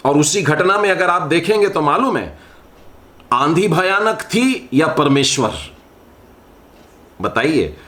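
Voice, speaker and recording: Slow, deliberate Hindi-speaking preacher man. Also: fairly high pitch, animated, bright, forceful tone. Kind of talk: sermon.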